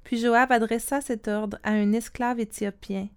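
Woman, Bible story reading, calm and steady, smooth resonant voice. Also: a little high, measured pace.

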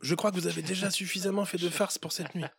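A man's voice: high voice, steady tone, quick pace, gravelly, slightly rough, no room sound, voice pushed up, full character voice. A man doing a bossy seven-year-old boy. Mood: reassuring. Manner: bossy, hushed scolding.

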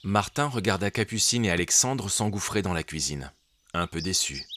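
A man narrating a children's storybook in an expressive, gentle storytelling manner. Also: low voice, moderate pace, noisy background.

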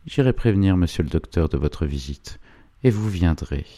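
A man voicing an old village priest with a gently insinuating, persuasive manner, in an audiobook reading. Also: low voice, animated, normal speed, dry recording. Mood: earnest.

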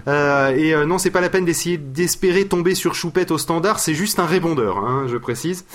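A man hosting a casual podcast, hesitant and quick to laugh. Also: a little high, a bit bright. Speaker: host.

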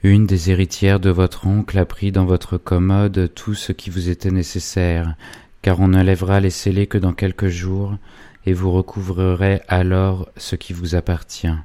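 Righteous old judge type, guy reading it, deep dark voice, lays down the law. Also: flat delivery, normal speed, no echo, natural voice. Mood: gentle. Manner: forceful, declamatory scolding. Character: stern, upright older male magistrate.

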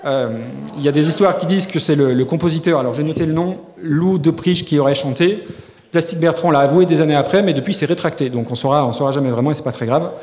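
Guy riffing on stage at a live podcast, slightly high voice, big echoey hall. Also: fast talker, a little mellow. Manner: joking, rambling with many fillers and restarts. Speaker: podcast co-host. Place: live festival stage before an audience. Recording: echoey hall with long reverb.

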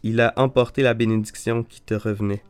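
Guy voicing old isaac, solemn slow blessing, lowish voice, soft guitar behind. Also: little pitch movement, clear, resonant tone, natural voice. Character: old blind father Isaac, frail and solemn.

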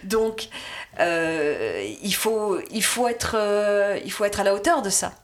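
A woman's voice: medium pitch, slow. A woman voice actress chatting in an interview, telling a story with frequent laughs and restarts. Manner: lively storyteller, laughs often, many restarts. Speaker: guest voice actress. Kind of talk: casual interview chat.

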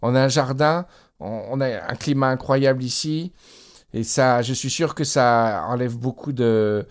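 A man co-hosts a podcast over a Skype call, chatting casually in a mid-range voice at a slightly slow pace. He sounds enthusiastic but hesitates often, filling gaps with plenty of fillers.

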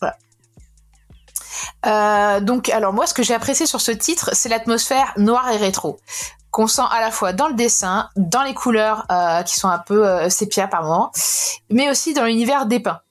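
Stuffy-nosed woman reviewing comics. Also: a little high. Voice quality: slightly nasal. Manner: hesitant, frequent pauses and restarts. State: stuffy nose from a cold. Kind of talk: casual podcast review.

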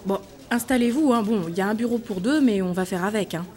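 A woman's voice: mid-range voice, dark tone, close to an everyday voice. A woman playing a gushing, bossy editor-in-chief who chatters cheerfully. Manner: gushing, fast and sing-song. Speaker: gossip section editor.

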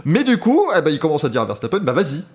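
A French man hosting a chatty motorsport podcast, talking quickly and with a slightly high voice. He is animated, laughs often and fills his sentences with little hesitations. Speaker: podcast host. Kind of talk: casual motorsport podcast chat.

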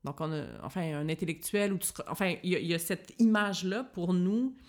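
A woman's voice: fairly low pitch, fast, a little mellow. A woman from Quebec with a Québécois accent, chatting casually with plenty of fillers and restarts. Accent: Québécois French. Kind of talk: casual chat.

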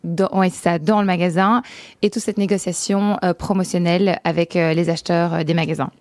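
A young woman speaking softly as a guest in a radio interview, with frequent fillers. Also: lowish voice, steady tone, brisk. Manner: soft, quiet voice. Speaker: guest, company founder.

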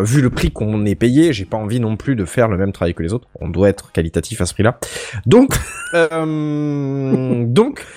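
A man hosting a casual podcast, telling stories in an animated, joking way. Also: mid-range voice. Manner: lively, joking, animated storytelling. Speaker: podcast host.

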